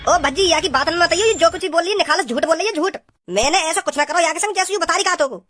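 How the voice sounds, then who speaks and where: A woman's voice: extremely high pitch, very fast, a bit bright. A woman doing a rude cartoon young man. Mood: defensive. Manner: rude and scornful. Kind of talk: comic cartoon dub.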